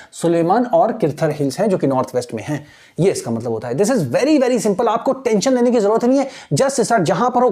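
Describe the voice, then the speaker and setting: A man teaching an exam-prep lesson, explaining step by step, asking and answering his own questions, reading English phrases slowly and repeating key words. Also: high-pitched, a little mellow.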